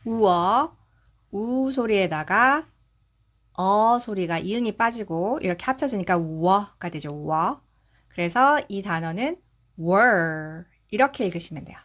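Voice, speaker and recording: A woman's voice: mid-range voice, expressive, normal speed, fairly bright tone. A woman teaching English phonics, patiently sounding out each syllable and blending the sounds together. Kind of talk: slow explanatory phonics lesson.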